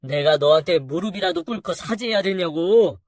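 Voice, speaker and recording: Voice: mid-range voice, animated, normal speed, darkish tone, no room sound, studio quality, close to an everyday voice. A narrator doing a sulky lying husband. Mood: resentful. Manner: sulky, crude, defensive. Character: lying, defensive husband in his thirties.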